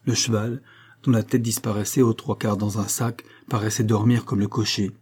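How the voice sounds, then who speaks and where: A man reading a French novel aloud as audiobook narration, measured and even. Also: lowish voice, breathy edge. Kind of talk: scripted narration.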